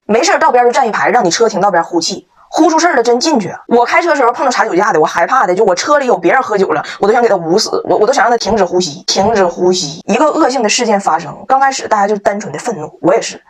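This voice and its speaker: A woman, a vlogger telling a story to camera in a joking, emphatic way. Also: a little high. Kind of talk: casual storytelling monologue.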